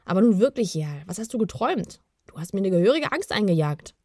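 A woman's voice: medium pitch, big pitch swings, fast, a little mellow, no echo, clean studio sound. A woman voicing a worried, bearded male kobold who talks in an anxious, urging way in a storybook reading. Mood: uneasy.

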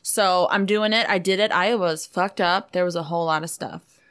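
A woman's voice: fairly low pitch, moderate pace, a bit bright, clean tone. Blunt, sweary woman chatting on a podcast. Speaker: podcast co-host. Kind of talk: casual profane podcast chat.

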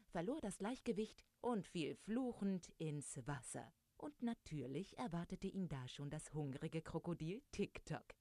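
A woman reading a children's adventure story aloud, lively and speaking directly to young listeners. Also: sits low, no room sound.

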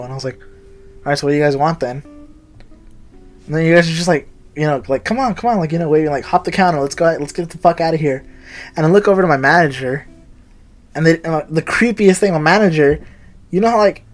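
A man's voice: fairly high pitch, fairly quick, pauses often, faint music behind. A young man co-hosting a podcast, telling a rambling story with lots of swearing and acted-out quotes. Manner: animated, swears a lot, acts out quotes. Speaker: podcast co-host. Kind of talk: casual chat, rambling storytelling.

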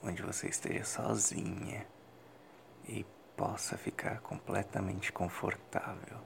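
A deep-voiced man with a Brazilian accent whispers close and breathy to an adult listener, his intonation fairly even. It's a role-play in which he delivers intimate instructions slowly and deliberately.

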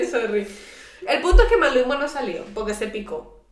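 A woman's voice: sits high, slight background noise. A woman co-hosting a podcast, gossiping and laughing often in casual chat. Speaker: podcast co-host. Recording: echoey room, distant mic.

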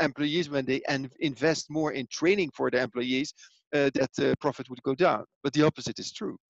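Dutch-accented male guest, slightly high and gravelly, hesitant explainer on a dull remote line. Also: no room sound. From Netherlands. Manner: hesitant, many fillers and restarts. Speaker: business coach guest. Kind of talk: explanatory interview answers.

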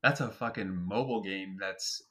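On a casual gaming podcast, this man co-hosts in a relaxed, easygoing way, cursing casually and filling his speech with fillers. He has a deep voice that sounds pushed and bright, and he talks at a moderate pace.

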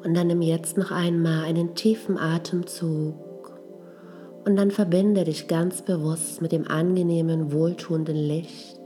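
Soft breathy lady doing a guided meditation, really slow and relaxed, music playing under her. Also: on the low side.

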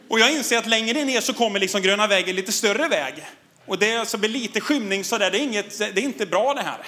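A man in his thirties preaches to a congregation, telling a story from his own life with lively, animated delivery. His voice sits high and sounds bright and forceful. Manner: animated storytelling, laughs often, audience laughs back. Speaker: pastor. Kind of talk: sermon with personal story.

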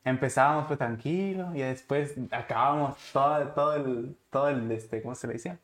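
A man's voice: medium pitch, moderate pace, a bit bright. Rambling Mexican man in echoey room. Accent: Mexican Spanish. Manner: rambling, searching for words. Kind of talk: casual chat.

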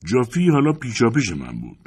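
A man narrating a novel as an audiobook, in an expressive, dramatic reading style. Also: sits low, husky.

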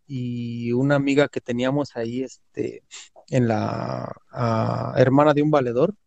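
Dark-voiced Mexican man telling a story. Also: mid-range voice, steady tone, measured pace, vocal fry, no room sound, highs cut off. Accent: Mexican Spanish. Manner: slangy, emphatic, repeats words for emphasis. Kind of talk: casual storytelling.

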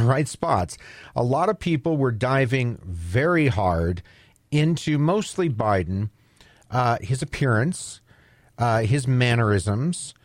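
A man co-hosting talk radio, thinking out loud with repeated words and hesitant restarts. His pitch moves in a lively way, and the voice sounds dry and close. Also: no echo.

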